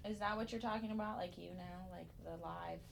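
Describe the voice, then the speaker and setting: A woman's voice: on the low side, steady tone, a little fast, gravelly. A woman joining a casual podcast chat in a small studio, asking dry, wry questions.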